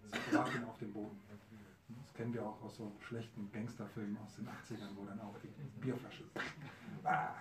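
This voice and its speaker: A man telling a devotional story to a live audience, lively and asking his listeners questions. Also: on the low side, moderate pace, over a noisy crowd. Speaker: storyteller, preacher. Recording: roomy hall, mic far, audience.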